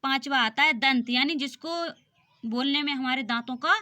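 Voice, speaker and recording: A woman's voice: sits high, steady tone, moderate pace, bright, forceful tone. A woman teaching a grammar lesson for exam preparation, patiently explaining and sounding out vowels aloud.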